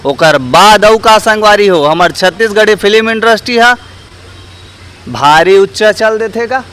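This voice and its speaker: Speaking a little slowly in a high, fairly bright voice, with a little hiss or hum in the audio, a vlog host talks earnestly to viewers as his friends. He's a street interviewer from Chhattisgarh, India, with a Chhattisgarhi accent, presenting public opinion questions.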